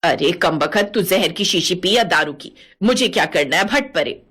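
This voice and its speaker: A woman voicing a bossy, sharp-tongued widowed mother-in-law in her sixties, in a cartoon. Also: fairly low pitch, lively intonation, moderate pace, slightly rough, pitched below the performer's own voice. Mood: mocking. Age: 60s (figure). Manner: scolding, mocking. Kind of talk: cartoon voice acting.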